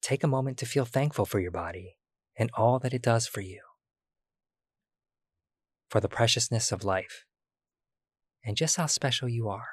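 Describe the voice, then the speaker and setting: A man guiding a body-scan meditation, speaking slowly and soothingly with long pauses. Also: mid-range voice, husky, dry recording. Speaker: meditation guide.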